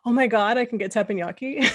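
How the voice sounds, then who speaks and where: A woman from California hosting a casual chat, talking in rambling asides and laughing often. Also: on the high side. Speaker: host.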